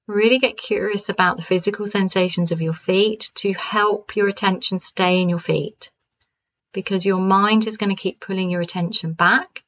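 A woman with a mid-pitched voice leads a calm grounding exercise. She gives gentle, permissive instructions and leaves unhurried pauses between phrases. The recording is somewhat dull and lo-fi. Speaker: wellness coach leading a mindfulness practice.

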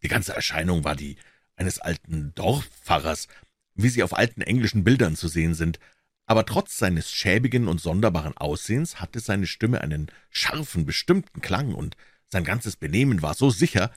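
A man narrating a classic detective story in an expressive, storytelling manner. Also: sits low, moderate pace, husky, no echo, studio quality. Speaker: audiobook narrator. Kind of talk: scripted audiobook narration.

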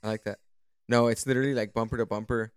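A man's voice: medium pitch, steady tone, fast, clear, resonant tone, no room sound, clean studio sound. A man on a podcast in natural, unscripted casual talk, telling stories with slangy, profane enthusiasm. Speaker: podcast guest or co-host.

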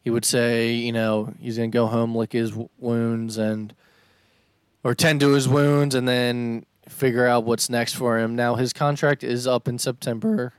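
Guy on a podcast mic going over the week's news, dry close sound, mid pitch. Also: a little slow, clean tone, no echo. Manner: relaxed, rambling recap of news. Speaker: podcast host. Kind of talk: casual chat.

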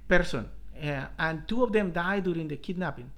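A middle-aged man from Colombia, a professor telling his life story in an interview, halting with many restarts. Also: on the high side, fairly bright tone. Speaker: professor, guest.

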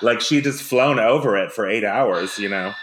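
A man hosting a casual podcast interview, relaxed and hesitant with many fillers. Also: on the low side, moderate pace, slight background noise. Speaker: podcast host.

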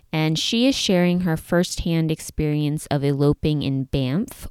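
A woman hosts a podcast in a clear, slightly low voice. She speaks with a retainer and braces in her mouth, which subtly affects her words. The sound is dry and close. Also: a little mellow, dry recording. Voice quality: slightly impeded speech from wearing a retainer and braces. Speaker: podcast host. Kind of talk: podcast introduction and interview chat.

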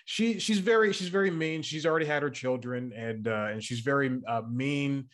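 A man's voice: medium pitch, normal speed. A man hosting a podcast, speaking in a rambling, hesitant way with many restarts and fillers. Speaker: podcast host. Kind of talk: casual podcast chat.

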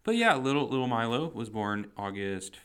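A man's voice: medium pitch, sing-song, normal speed, a bit bright, clean tone. A man co-hosting a podcast in casual chat, joking in a dry, teasing, self-deprecating way. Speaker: podcast co-host.

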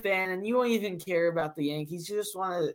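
A man's voice: high-pitched, quick pace. A teenage boy co-hosting a casual podcast, rambling with lots of fillers and restarts. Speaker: podcast co-host. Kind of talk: casual chat.

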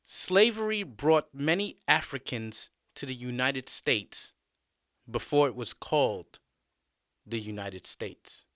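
A man voicing a patient, principled male teacher in a spoken story, earnest and clear. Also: medium pitch, animated, slow pace, fairly bright tone, no room sound, studio quality.

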